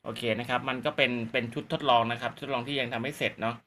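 A man gives a casual, polite gadget demonstration as a channel host. He talks fast in a bright, forward voice and circles back over his explanations, with faint noise behind him. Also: medium pitch, fairly even intonation. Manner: polite, repetitive explanatory phrasing.

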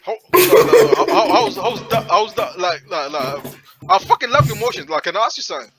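A man's voice: sits high, wildly swooping pitch, normal speed, loud music behind the voice. A young man from Zimbabwe on a headset in a small room, teasing a stranger in casual video chat, stammering and swearing often.

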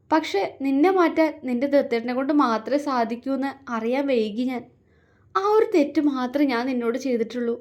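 A woman's voice: sits high, highs cut off, voice pushed up, close to an everyday voice. A woman voicing a weeping, pleading young woman. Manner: crying, pleading, emphatic.

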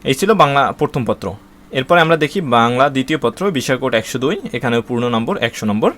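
A man from Bangladesh explaining an exam syllabus to students in a spoken lesson, reading out long lists steadily and pausing with frequent "uh" fillers and restarts. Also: mid-range voice, animated, a bit bright. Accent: Bangladeshi Bengali.

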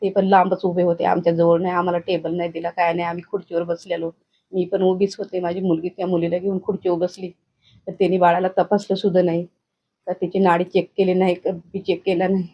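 A woman's voice: fairly low pitch, level tone, quick pace, breathy edge, highs cut off. Grieving middle-aged woman. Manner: grieving, urgent, recounting in detail. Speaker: bereaved grandmother interviewed. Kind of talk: news interview testimony.

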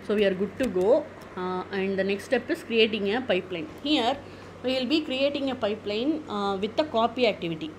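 A woman talks through a software tutorial one step at a time, pausing on "okay" and "uh" as she clicks along. Her voice sits at an ordinary middle pitch. A steady hiss of background noise runs under the recording. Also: poor audio. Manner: methodical, step-by-step, frequent "okay" and "uh" fillers. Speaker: tech tutorial presenter.

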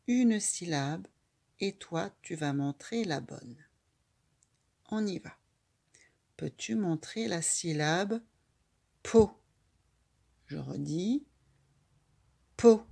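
A woman gives a reading lesson to a small child, breaking each syllable into its sounds and saying it again. Her pace is very slow and deliberate. Her voice sits a little low, with a gravelly, dark edge. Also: lively intonation. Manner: slow, patient, spells out sounds one by one. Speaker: reading teacher.

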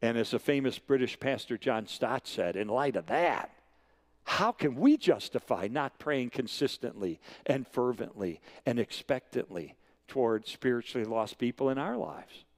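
A guest preacher in his sixties delivers a sermon in a medium-pitched voice at a normal speed. He tells stories animatedly, driving his points home with emphatic, repeated phrases.

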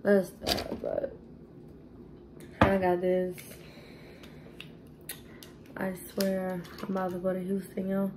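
A woman's voice: mid-range voice, completely flat delivery, takes it slowly, pauses often, noisy background. A tipsy young woman, chatting casually through a makeup tutorial in a rambling, sassy way, swearing freely. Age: young adult. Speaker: beauty vlogger.

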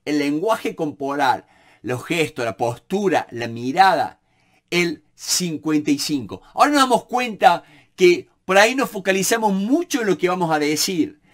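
A man explaining negotiation ideas from a book, animated and repeating words with frequent fillers. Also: a little high, normal speed. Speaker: negotiation instructor.

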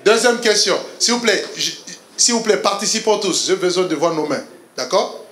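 A man leads a church seminar with a high, bouncing voice that swoops up and down as he quizzes the room. He jokes and laughs with his listeners, and his words ring out in an echoey church hall. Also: moderate pace. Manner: animated, quizzes the audience with laughter. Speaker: speaker leading a couples seminar. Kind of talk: interactive church teaching.

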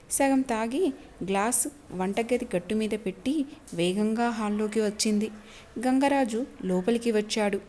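A woman narrating an audiobook story in a measured, expressive way. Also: a little high, slight background noise.

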